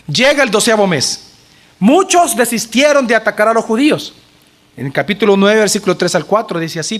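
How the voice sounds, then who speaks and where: A male pastor preaching a sermon, retelling a story with lively acted-out dialogue and questions to the congregation. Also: sits high. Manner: animated storytelling, acting out the characters' lines.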